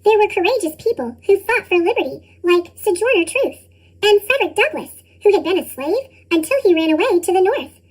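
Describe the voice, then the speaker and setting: Storybook narrator, extremely high squeaky cartoon voice, pitched up with a chipmunk effect. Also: animated, fairly quick, low-quality recording. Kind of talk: scripted children's storybook narration.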